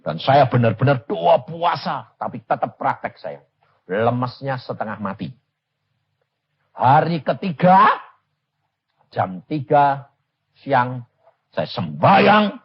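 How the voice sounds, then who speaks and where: A man with a Javanese-influenced Indonesian accent preaching a storytelling sermon, humorous and animated, acting out dialogue. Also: mid-range voice, takes it slowly, pauses often, slightly rough, highs cut off. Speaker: evangelist preacher.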